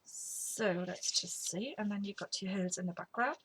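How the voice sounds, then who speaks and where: A craft tutorial host, middle-aged and nursing a slight cold, speaks in a mid-range, somewhat bright voice with a breathy edge at a moderate pace. She chats casually and wanders off topic while demonstrating her technique, sometimes lowering to a whisper mid-task. The recording is rough, with faint background noise.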